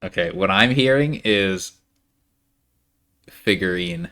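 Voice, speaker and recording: A man giving casual live commentary on a card game, animated and quick to jump into high-pitched reactions. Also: gravelly.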